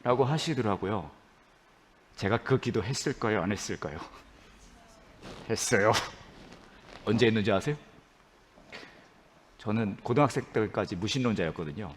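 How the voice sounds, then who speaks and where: A young man preaching a sermon as pastor, animated and acting out prayers with shouts and laughter. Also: fairly low pitch, normal speed, pauses often, slight background noise.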